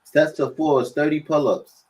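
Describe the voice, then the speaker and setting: A man's voice: a little high, fairly even intonation, measured pace, a little mellow, a little hiss or hum, rough recording. A man, rambling through casual slangy chat and often checking in with the listener. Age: late 30s.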